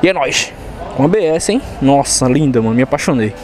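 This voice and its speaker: Recorded with a chest-mounted action camera carrying a little hiss or hum, a young Recife vlogger hypes motorcycles from a showroom. He has a mid-range voice, speaks a little fast, and uses a Pernambuco Brazilian Portuguese accent in excited, slangy, casual chat.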